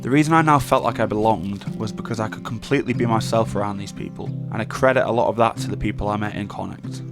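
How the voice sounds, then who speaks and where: Young guy narrating slow and reflective, lowish voice. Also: gravelly. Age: young adult. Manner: calm, measured, thoughtful. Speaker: documentary narrator. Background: music.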